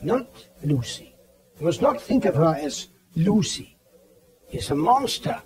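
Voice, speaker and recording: A man playing a grave, authoritative elderly professor who hunts vampires, speaking deliberately and theatrically in an audio drama. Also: a little high, sing-song, darkish tone. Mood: stern, commanding. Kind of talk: dramatized audio play acting. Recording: 1979 cassette audio drama, background bustle.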